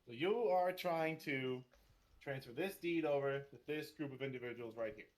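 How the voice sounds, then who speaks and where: A man voicing a brisk, impatient female magistrate in a tabletop game. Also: mid-range voice, a crowd in the background, lightly acted, poor audio. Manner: curt, businesslike.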